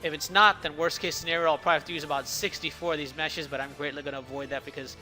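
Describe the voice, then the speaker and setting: A man's voice: fairly high pitch, steady tone, racing, sharp tone, soft background music, low-quality recording. A man talking casually through a game devlog, his speech a little slurred by a swollen lip, with occasional stumbles. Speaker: indie game developer narrating a devlog. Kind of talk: casual explanatory devlog talk.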